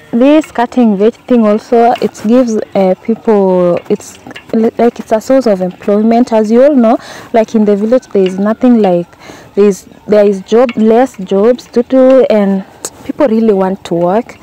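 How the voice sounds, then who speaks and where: A woman's voice: mid-range voice, moderate pace, mellow. A young woman with a Kenyan accent chatting casually to her viewers, asking them questions, with plenty of fillers. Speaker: vlogger. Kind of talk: casual vlog chat to viewers. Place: busy outdoor village market at dusk.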